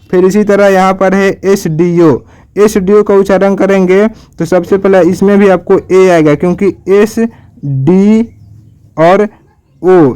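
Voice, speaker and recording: A man with a Hindi accent teaches an online grammar lesson in a high, smooth, resonant voice. He explains slowly and patiently, repeating each example and spelling it out letter by letter. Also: a little mellow.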